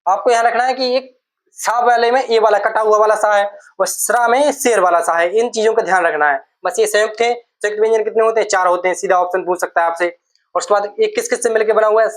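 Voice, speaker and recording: A man teaching a class, dictating notes in slow, repeated phrases and asking questions that he answers himself. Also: high-pitched, fairly even intonation. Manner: dictates slowly, repeating words for students to note down. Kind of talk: classroom lecture.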